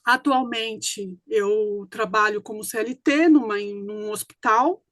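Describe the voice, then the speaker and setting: A woman's voice: medium pitch, slow pace, fairly bright tone, dry recording. Woman in her fifties, dry close sound. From born in Recife, raised in a family from Rio Grande do Sul. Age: 50s. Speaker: workshop participant. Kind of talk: self-introduction on a video call.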